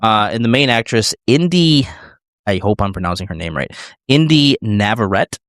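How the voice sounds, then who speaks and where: Lowish-voiced man, rambling podcast chat. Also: expressive, normal speed, fairly bright tone, dry recording, clean studio sound. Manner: rambling, hesitant, many fillers. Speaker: podcast co-host. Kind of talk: casual chat.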